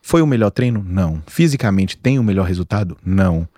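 A man's voice: low-pitched, brisk, no room sound, studio quality. A man in his forties with a Brazilian Portuguese accent, a doctor chatting casually and telling stories with slangy emphasis. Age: 40s. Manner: animated storyteller, slangy and emphatic. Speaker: doctor guest. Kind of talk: casual podcast chat.

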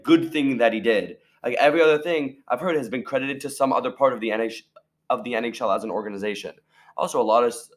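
A young man co-hosting a casual sports podcast, reading out news and chatting plainly. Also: medium pitch. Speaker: podcast co-host. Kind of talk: casual chat.

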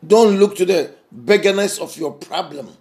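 A man preaching a sermon, emphatic and repetitive, swinging between raised passages and soft, intimate ones. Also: sits high, measured pace.

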